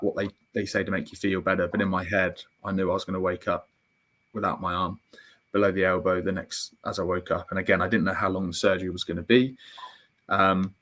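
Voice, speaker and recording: A young man with a somewhat low voice, speaking as an interview guest. He recounts a personal story in a candid, reflective way. His speech is full of "um"s, "kind of"s and restarted sentences. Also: fairly bright tone.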